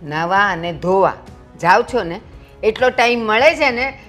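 An actress playing a middle-aged, sharp-tongued mother-in-law who bluntly scolds and mocks her son-in-law. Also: medium pitch, animated, a little slow, faint music behind. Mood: scolding.

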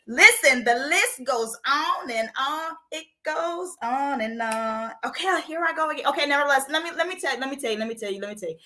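A woman hosting an interview show, bubbly and animated, laughing often and repeating herself as she hypes her guest. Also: fairly high pitch. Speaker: host. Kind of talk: upbeat podcast interview.

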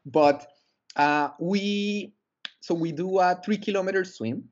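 Taking it slowly, a young adult man with a high-pitched voice talks earnestly as a guest on a video-call interview, with many fillers and restarts. He's from Colombia, sitting in a small indoor room and using a headset. The highs are cut off in the audio.

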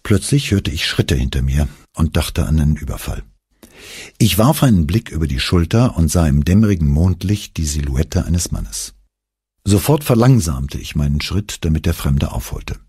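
A man narrating a memoir audiobook in an expressive, dramatic storytelling manner, close to the mic. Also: extremely low pitch, normal speed, husky, dry recording.

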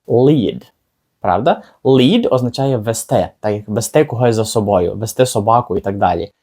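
Relaxed man teaching English words. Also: lowish voice. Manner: chatty, asks the viewer rhetorical questions, slows down for example words. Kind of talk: casual video lesson.

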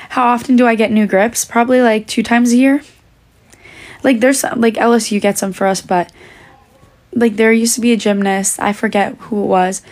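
Slightly high and a bit mellow, this young woman's voice carries a casual livestream chat. She answers fan questions on her phone, held at arm's length in a small indoor room, even as her voice is going.

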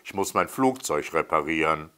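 A man's voice: a bass voice, expressive, normal speed, sharp tone, voice pushed down, exaggerated voice. A man voicing a grumpy stranded pilot who grumbles and snaps. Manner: gruff, grumbling.

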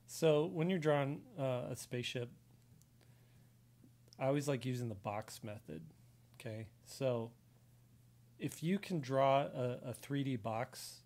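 Sketching at his desk during a live stream in an indoor room, an American man walks viewers through a casual drawing tutorial step by step. He is an artist and drawing instructor with a mid-range, slightly mellow voice, and the sound plays only in the left ear.

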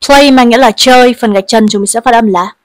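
A woman leads a bilingual English lesson for pupils, patiently explaining each word and having the class repeat after her. Her voice sits a little high. The recording is dry, with no room sound. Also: fast, no echo. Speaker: English teacher.

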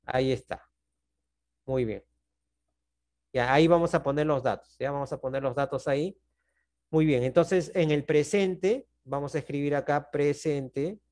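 A man with a Peruvian Spanish accent, teaching math over a video call. His voice sits a bit high. He walks through each step patiently and keeps checking that the class is following. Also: measured pace, long pauses, darkish tone. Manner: patient, checks in often with "¿no?" and "¿está bien?". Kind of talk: online class explanation.

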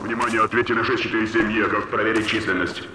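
A terse masked soldier on police radio. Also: male voice, fairly low pitch, little pitch movement, fast talker. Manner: clipped, terse call-outs. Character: masked male soldier barking radio calls. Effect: police radio chatter. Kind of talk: video game dub. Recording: echoey, heavy gunfire noise.

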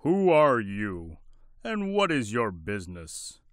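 A man voicing a pompous, angry king with a big, deep, gruff voice, shouting in a storybook reading. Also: wildly swooping pitch, slow, dry recording, clean studio sound, heavily acted. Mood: stern.

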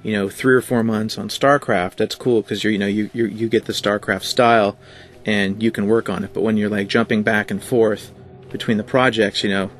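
Rambling low-voiced storyteller guy. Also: moderate pace, faint music behind. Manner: rambling, animated storyteller with many fillers. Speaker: guest, art director. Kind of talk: casual interview.

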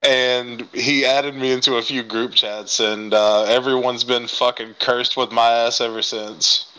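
A man's voice: medium pitch, flat delivery, unhurried, sharp tone, clear, resonant tone, low-quality recording. A man in casual podcast chat, rambling and swearing freely. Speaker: podcast co-host.

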